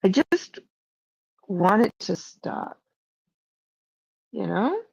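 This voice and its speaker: A woman's voice: mid-range voice, very animated, drawn-out words, vocal fry, breathy edge, no echo, low-quality recording. A woman streamer in casual livestream talk to her chat, rambling and emotional, full of self-doubt and "like" fillers. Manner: frequent "like" fillers.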